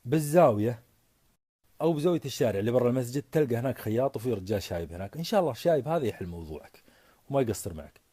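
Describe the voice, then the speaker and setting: Man doing a hushed, insistent old dervish. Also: expressive, racing, husky, dry recording. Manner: low, hushed, persistent. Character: calm, insistent male dervish, a wandering mystic.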